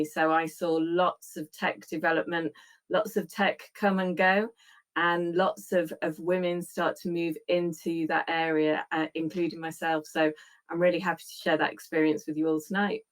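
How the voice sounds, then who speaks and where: A woman coach introducing herself on an online panel over a video call, brisk and friendly. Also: low-pitched, little pitch movement.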